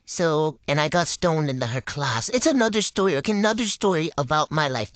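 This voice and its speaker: A woman's voice: sits low, sing-song, a little fast, no echo. A young woman telling a casual, rambling, profane story, her voice run through a voice changer.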